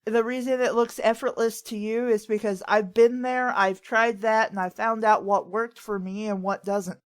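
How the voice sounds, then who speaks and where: The host of a writing advice talk, she has a somewhat high voice with a flat delivery at a moderate pace. Her advice comes in a loose, rambling chat, with others' words often acted out.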